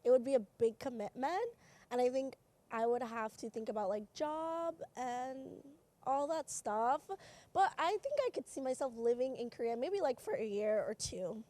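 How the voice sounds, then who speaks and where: A young woman from New York, a university student, answering a street interview in a relaxed way with many "like"s. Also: on the high side, normal speed. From United States, New York. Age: young adult. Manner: relaxed, fills with "like".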